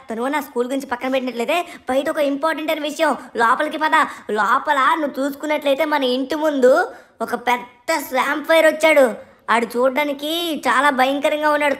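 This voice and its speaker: A woman's voice: high voice, fairly bright tone. A woman doing Shin Chan, a cheeky, whiny little boy. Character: mischievous little cartoon boy, lazy and cheeky.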